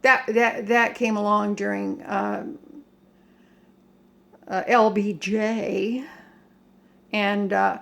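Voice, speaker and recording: An older American woman giving a casual rant to viewers in a halting, emphatic, plain-spoken way. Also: mid-range voice, flat delivery, gravelly, fairly bright tone. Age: older, 60s or above. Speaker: home vlogger. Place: home kitchen.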